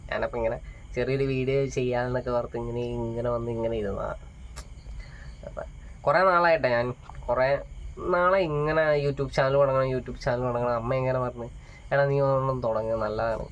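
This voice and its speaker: A young man, talking about his life in a casual, rambling vlog with many fillers. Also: mid-range voice. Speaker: vlogger. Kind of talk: casual personal monologue. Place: small rented home. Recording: dull lo-fi phone audio with faint crickets.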